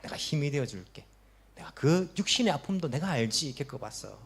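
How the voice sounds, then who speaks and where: A man voicing a gentle consoling savior figure, soft and partly whispered, slow and reassuring. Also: mid-range voice, animated, a little hiss or hum, close to an everyday voice. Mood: tender reassurance.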